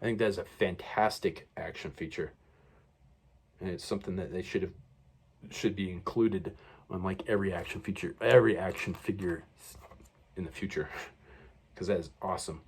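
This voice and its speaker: A man with a slightly low voice talks through a toy unboxing at his desk. He rambles in a casual way, stops to correct himself and fills the gaps with ums and uhs. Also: moderate pace, vocal fry, pauses often, breathy edge. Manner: rambling, many fillers and self-corrections. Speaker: toy reviewer.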